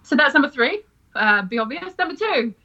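Bright-voiced woman, chatty improv teacher. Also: high-pitched, very animated, a little fast, lo-fi sound. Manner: chatty, laughs often, acts out quoted lines. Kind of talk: casual podcast chat.

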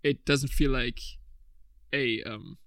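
A man's voice: mid-range voice, steady tone, slow, a bit bright, clean tone, no room sound, clean studio sound. A man in his twenties hosting a casual podcast chat, rambling and laughing often. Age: 20s. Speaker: podcast host.

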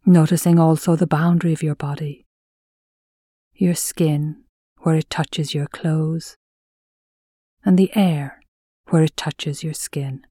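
This is a low-pitched female voice guiding a mindfulness meditation in a steady, soothing, measured tone. Her soft speech fades into breathiness, with lengthy pauses between phrases, captured in studio quality with no room sound.

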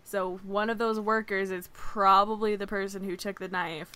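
A woman's voice: mid-range voice, little pitch movement, normal speed, pushed and bright, smooth. Woman player, casual, profane. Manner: casual, profane, thinking aloud with ums. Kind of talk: casual chat at a tabletop game.

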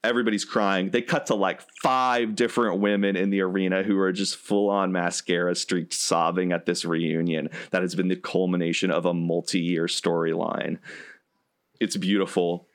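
Deep-voiced man recapping a wrestling match. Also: normal speed. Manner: animated storyteller, many fillers. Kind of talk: casual chat, retelling a match.

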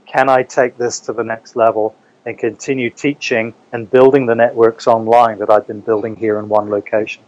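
A man's voice: mid-range voice, level tone, moderate pace, few pauses, muffled recording. A man from New Zealand talking casually as a guest in an interview. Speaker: interview guest, English teacher.

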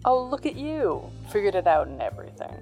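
A woman's voice: medium pitch, sing-song, brisk, gravelly, darkish tone, faint music behind. A woman playing a cocky, teasing 1930s-style gangster boss in a noir audio drama, talking in sardonic old-time slang.

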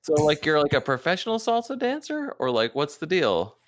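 A man's voice: fairly high pitch, huge pitch swings, fairly quick. A man hosting a casual podcast interview, joking and asking playful questions.

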